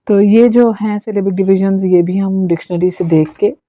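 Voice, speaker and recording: A woman's voice: mid-range voice, fairly even intonation, normal speed, dry recording. Woman teacher explaining on a dull, dry phone recording. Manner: explains step by step, with frequent fillers. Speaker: English teacher. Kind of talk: online class explanation.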